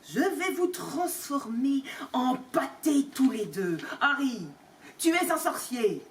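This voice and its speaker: A gruff giant groundskeeper with booming, indignant outbursts, as a woman storyteller puts him on. The voice swoops high and low, and it is picked up from across the room over faint background noise. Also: animated, takes it slowly, recorded from a distance. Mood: hearty.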